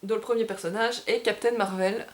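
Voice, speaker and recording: Hosting a laid-back game bar unboxing, a woman talks briskly in a medium-pitched voice with fairly even intonation. Handling and sorting cards, she is chatty yet hesitant and often corrects herself; the sound is roomy with faint noise behind.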